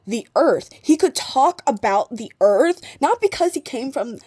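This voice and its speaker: A woman's voice: high-pitched, animated, unhurried, a little mellow, slightly rough. Rambling, emphatic woman vlogger. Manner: emphatic, repetitive, swears freely; stream-of-consciousness, restarts and trails off. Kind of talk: casual rambling monologue to the viewer.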